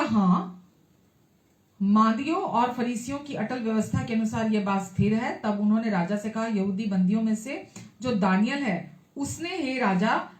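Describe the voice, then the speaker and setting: Woman pastor preaching in an echoey hall. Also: on the high side. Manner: reads scripture aloud, then preaches in her own words; frequent hesitations and amens. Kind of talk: sermon.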